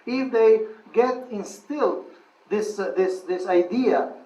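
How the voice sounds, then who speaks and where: A man's voice: high voice, slow, dark tone. A man teaching a seminar and answering a question. He thinks aloud, restarts phrases, and laughs at his own stories. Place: seminar hall. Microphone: far room mic. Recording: echoey room from far off.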